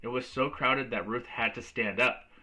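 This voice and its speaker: A man reading a children's storybook aloud as a teacher, in a clear storytelling delivery. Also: mid-range voice, fairly even intonation, normal speed, sharp tone, rough recording.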